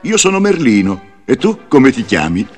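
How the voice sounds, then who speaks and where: An actor playing a wise, patient old wizard who narrates a read-along storybook in a lively, theatrical way. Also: male voice, medium pitch, normal speed, soft background music. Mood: kindly.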